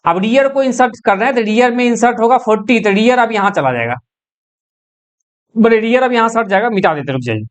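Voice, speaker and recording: A woman's voice: fairly high pitch, animated, a little fast. A woman teaching an exam-prep computer science lecture, explaining step by step and mixing English technical terms into her speech. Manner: explains step by step, asks and answers own questions.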